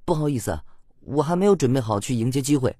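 A man voicing a timid, polite young man who speaks softly and hesitantly. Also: high voice, expressive, normal speed, dry recording, studio quality, pitched above the performer's own voice. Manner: soft, hesitant.

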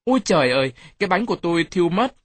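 A man's voice: medium pitch, normal speed, fairly bright tone, no room sound, close to an everyday voice. A man voicing a strong, jovial grown man who teases a child in a storybook reading. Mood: teasing. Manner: teasing, playful.

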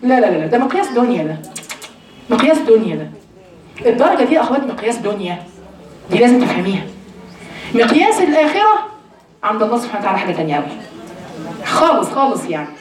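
A woman with an Egyptian accent teaching a Quran study lesson, talking quickly and emphatically and asking rhetorical questions. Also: a little high, sing-song. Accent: Egyptian Arabic. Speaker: religious teacher. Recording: echoey room, distant mic.

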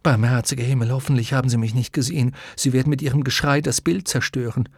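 A man's voice: mid-range voice, steady tone, quick pace, breathy edge, no room sound, clean studio sound. A man voicing a weary, desperate young boy in an audiobook, pleading in a raised voice. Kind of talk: audiobook character voice.

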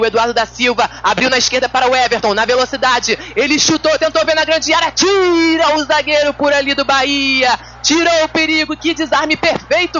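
A woman's voice: a little high, a bit bright, slight background noise. A Brazilian woman calling a football match play by play in live radio commentary. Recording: dull lo-fi radio feed, faint music.

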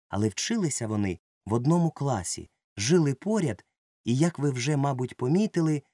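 A man narrating a children's story as an audiobook, reading in a lively, expressive way. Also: medium pitch, no echo, clean studio sound.

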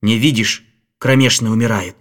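A man voicing a sly, calm older male presidential adviser who speaks with quiet authority. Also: on the low side, normal speed, close to an everyday voice. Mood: hissing.

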